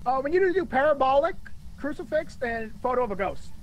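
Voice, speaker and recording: A man heard through in-game proximity voice chat, teasing his co-op partner with playful, quick callouts. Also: extremely high pitch, expressive, low-quality recording. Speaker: co-op gaming partner. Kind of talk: casual gaming chat.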